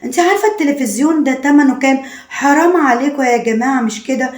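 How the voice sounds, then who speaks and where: A woman's voice: sits high, fast talker, close to an everyday voice. A woman with an Egyptian accent voicing a weary, indignant middle-aged mother who pleads and complains. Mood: pleading. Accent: Egyptian Arabic. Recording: roomy echo.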